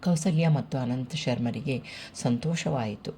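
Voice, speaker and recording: A steady, unhurried audiobook narrator reading a family novel. The voice sits at a middle pitch with a dark, mellow colour. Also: a little hiss or hum.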